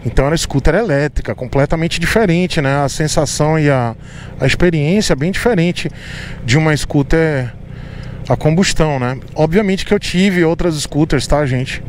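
A Brazilian man with a Brazilian Portuguese accent chats to his viewers while riding, his voice sitting a little high for a man. The sound comes through a helmet mic, with wind and city traffic clearly audible behind him. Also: normal speed. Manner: chatty, addresses viewers, frequent fillers. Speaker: motovlogger. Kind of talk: casual motovlog commentary while riding. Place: on a scooter in city traffic outdoors.

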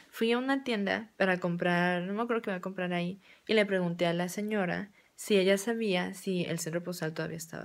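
A young woman from Mexico with a Mexican accent, telling a personal story in a casual, chatty way full of fillers. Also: medium pitch. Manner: chatty, many fillers like "o sea". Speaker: vlogger.

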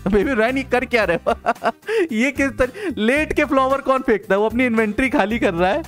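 Young male gaming host, high bright voice, playful and coaxing, soft music under the talk. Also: expressive. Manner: playful, coaxing, quick repeated interjections. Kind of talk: excited gameplay commentary.

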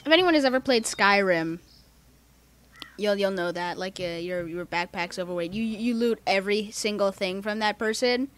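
A woman's voice: medium pitch, normal speed. A woman giving let's-play commentary at home on a cheap microphone, rambling and talking to herself, repeating her questions over and over. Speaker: gamer playing on video. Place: home room.

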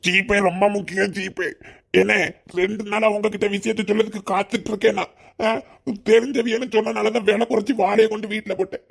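A performer voicing an aggrieved, sarcastic middle-aged village banana seller, in a cartoon. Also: male voice, high voice, little pitch movement, a little fast, vocal fry, breathy edge, heavily acted. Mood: bitter sarcastic. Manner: sarcastic, complaining.

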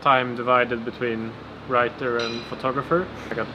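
Young man, matter-of-fact vlog talk, echoey room, clear background noise. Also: mid-range voice, little pitch movement, moderate pace, muffled recording. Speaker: freelance photographer. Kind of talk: casual vlog narration. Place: hotel room and outdoors at night.

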